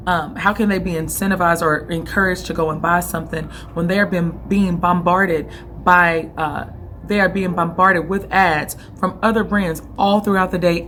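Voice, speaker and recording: Speaking in a fairly low, fairly bright voice that's hoarse and fading, a young woman shares laid-back vlog advice about managing an online boutique. Her style is direct and coaching, with frequent check-ins with the listener, and there's slight background noise.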